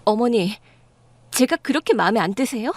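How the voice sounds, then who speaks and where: A defiant young pregnant bride in an audio drama, voiced by a woman. She speaks firmly and indignantly in a high, lively voice. The recording is dry and close. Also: moderate pace, no room sound. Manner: firm, indignant. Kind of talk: dramatized story dialogue.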